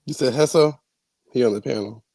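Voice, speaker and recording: A man joining a casual live panel chat with quick, dismissive interjections. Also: medium pitch, dark tone, no echo. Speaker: panel participant.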